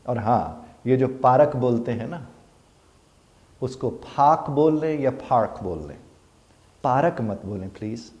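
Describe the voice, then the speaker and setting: A man's voice: medium pitch, a little mellow, highs cut off. A male English teacher gives an earnest spoken pronunciation lesson. He asks his students questions and then answers them himself. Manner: slows down to model English phrases carefully.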